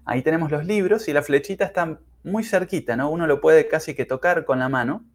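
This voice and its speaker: A man teaching English pronunciation in a podcast lesson, speaking carefully and demonstrating sounds slowly. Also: a little high. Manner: slow, careful, exaggerated pronunciation drills.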